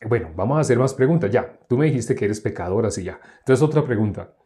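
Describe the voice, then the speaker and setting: A man's voice: mid-range voice, lively intonation, quick pace, mellow. A male preacher giving a teaching sermon in a conversational way, acting out back-and-forth dialogues with the people he talks to. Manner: conversational, acts out dialogues with listeners.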